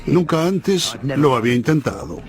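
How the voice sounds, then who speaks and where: A man dubs a reflective veteran male pilot in a documentary interview. He speaks Latin American Spanish at a middling pitch, recalling events in a matter-of-fact way. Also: animated, moderate pace, crowd noise, natural voice.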